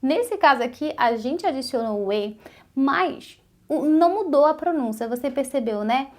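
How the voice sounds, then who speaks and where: Woman teaching French, slightly high voice. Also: animated, darkish tone. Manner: slow, carefully repeated French examples between casual Portuguese explanations. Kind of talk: online language lesson.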